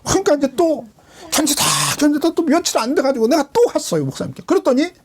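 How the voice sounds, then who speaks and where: A woman's voice: lively intonation, fast, a little mellow. A woman pastor preaching a sermon in a church, telling a personal testimony with emotion and acting out the lines she quotes. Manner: emotional storytelling, swinging pitch, acting out quotes.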